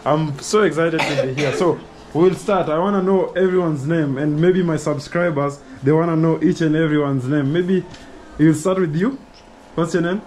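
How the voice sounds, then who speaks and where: A man's voice: fairly high pitch, moderate pace, darkish tone, a little hiss or hum. A man from Kenya with a Kenyan accent, hosting a casual vlog and talking to camera in an enthusiastic, chatty way full of fillers. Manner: enthusiastic, chatty, many "you know" fillers. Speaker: vlogger host.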